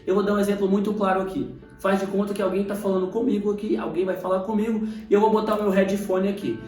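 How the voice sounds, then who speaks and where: A young man with a Brazilian Portuguese accent giving a casual, animated sermon to camera, acting out Bible scenes. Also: sits high, quick pace, far from the mic. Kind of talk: casual preaching video. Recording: echoey room, voice off-mic, faint music.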